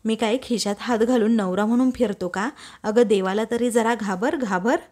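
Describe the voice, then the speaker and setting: A woman's voice: fairly high pitch, moderate pace, darkish tone, lightly acted. A woman voicing a hot-tempered young husband who scolds and boasts, in a retold TV serial scene. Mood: scolding.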